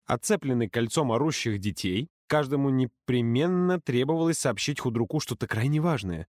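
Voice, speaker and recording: A man narrating an audiobook in a lively, characterful way, close to the mic. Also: medium pitch, moderate pace, no echo.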